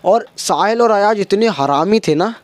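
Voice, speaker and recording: High-voiced young man telling a comic story. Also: normal speed, very noisy. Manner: animated storytelling, acting out friends' lines. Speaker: stand-up comedian. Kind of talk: stand-up storytelling.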